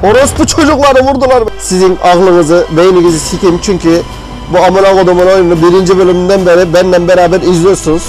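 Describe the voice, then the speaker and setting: A young man doing profane, excitable horror game commentary, with a mock newscaster tone. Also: sits high, quick pace, music in the background, low-quality recording. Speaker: gaming video host.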